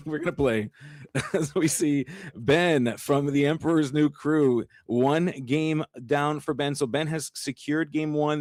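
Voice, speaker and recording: A man doing lively live commentary on a card game match, chatty and quick to laugh. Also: on the high side, no room sound. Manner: excitable, chatty, laughs often. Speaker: caster.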